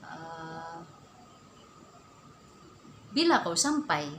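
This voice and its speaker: A woman teaching a spoken language lesson. She repeats each word slowly and stresses the local terms. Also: deep voice, very animated, very noisy. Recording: echoey room.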